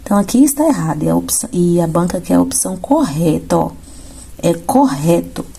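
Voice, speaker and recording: A woman teacher walks through exam questions, explaining each answer and checking in with her students. Her voice is low and gravelly, with a husky edge. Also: lively intonation, fairly quick, mellow. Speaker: Portuguese teacher. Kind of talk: exam-prep lesson going through questions.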